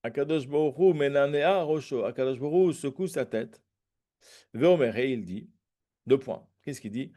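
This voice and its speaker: Warm and animated, this man's medium-pitched voice moves at a moderate pace as he teaches Talmud. He reads a phrase, then translates and explains it, often stumbling over fillers and starting sentences again.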